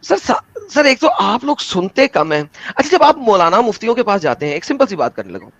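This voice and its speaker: A man's voice: high-pitched, very animated, fairly quick, a bit bright, no echo. A young man hosting an online debate, talking in a theatrical, emphatic and combative way over a video call. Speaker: debate host. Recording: dull lo-fi dry sound.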